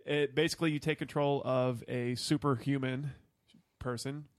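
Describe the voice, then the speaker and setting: A man's voice: mid-range voice, steady tone, moderate pace, dry recording. A young man co-hosting a casual game podcast, explaining things with wry, sarcastic asides. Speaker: podcast co-host.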